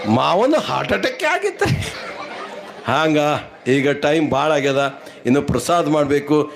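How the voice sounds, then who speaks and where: A man's voice: a little high, a little hiss or hum. A man, a stage comedian telling folksy jokes in rhymes to a village audience. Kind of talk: humorous storytelling at a village event.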